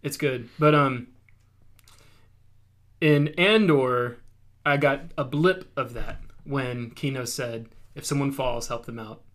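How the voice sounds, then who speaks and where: A man's voice: mid-range voice, slow, a bit bright. A man co-hosting a casual talk show, earnest and given to trailing off and restarting. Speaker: podcast co-host. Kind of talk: casual chat.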